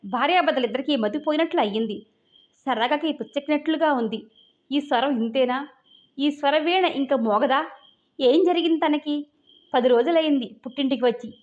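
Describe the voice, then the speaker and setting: A woman storyteller reads a novel aloud in a steady manner. Her voice sits high, and the recording sounds dull and lo-fi. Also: normal speed, pauses often. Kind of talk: novel reading.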